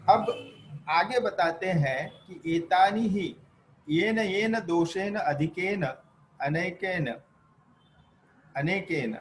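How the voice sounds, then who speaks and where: A man giving an unhurried lecture, reciting verses and then explaining them. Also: on the high side, a little hiss or hum, rough recording. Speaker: Ayurveda teacher. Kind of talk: classroom lecture.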